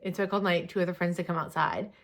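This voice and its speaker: Chatty woman with a lowish voice. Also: very fast. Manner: chatty and animated, many fillers and asides. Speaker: vlogger telling a personal story. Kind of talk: casual storytelling.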